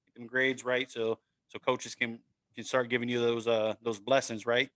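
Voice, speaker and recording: A man's voice: mid-range voice, little pitch movement, moderate pace, fairly bright tone. A man hosting a casual sports podcast, upbeat and encouraging, often tagging "man" and "right?" onto his sentences. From Maryland, USA. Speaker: podcast host.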